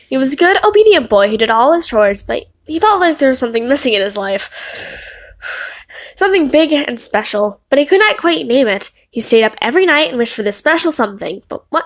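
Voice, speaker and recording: A woman's voice: high voice, fairly bright tone. A woman giving a dramatic reading of a story, stumbling over words and breaking off into exasperated, sweary asides. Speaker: reader reacting to a fan fiction story.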